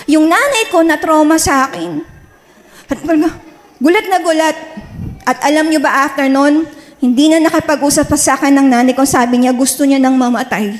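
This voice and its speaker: A Filipino woman pastor preaches with a very high, bright voice. She tells a personal story with animated, acted-out lines and keeps asking the congregation questions. Her voice carries a long reverb from a big hall. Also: normal speed. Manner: animated, acts out quoted voices, asks audience. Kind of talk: storytelling sermon.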